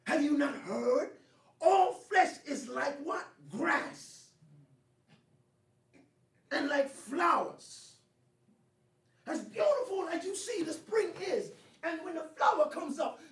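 A woman preacher delivers a sermon in call-and-response style, her high voice leaping up and down as she shouts and then drops low. She speaks slowly and lets the words stretch. The sound comes from a distant mic in an echoey church sanctuary. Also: animated.

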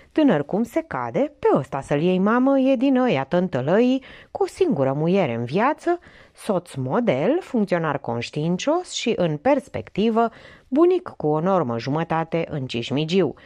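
A woman narrating an audiobook with an expressive, lively reading. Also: on the low side, no echo. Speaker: audiobook reader.

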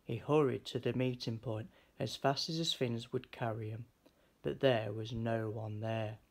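Reading a children's picture book aloud, a male storyteller uses an expressive style, a mid-range voice with some vocal fry, and a measured pace.

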